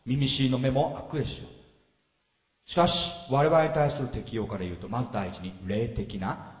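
A man preaching a sermon as pastor, animated and often asking the congregation questions. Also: mid-range voice, moderate pace. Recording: roomy hall reverb, from a distance.

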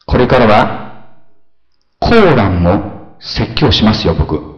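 A man delivers a lively sermon, his pitch leaping up and down as he moves from hushed asides to ringing exclamations. He keeps questioning his congregation in a conversational way. The sound is roomy and a little dull. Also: slow pace. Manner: animated, shifts between soft asides and loud exclamations. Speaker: pastor.

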